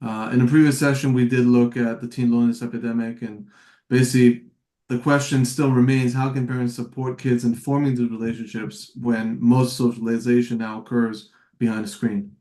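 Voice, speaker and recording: A man's voice: medium pitch, level tone, a little fast, warm tone. A man moderating a panel, relaying audience questions hesitantly with fillers.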